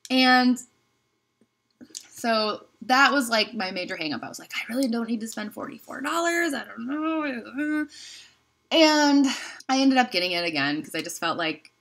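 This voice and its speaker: A woman's voice: on the high side, expressive, normal speed, a bit bright. A woman, rambling casually to camera in a home room about candles she bought. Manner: chatty, rambling, lots of "like" and trailing off. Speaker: candle haul vlogger. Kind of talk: casual haul review to camera.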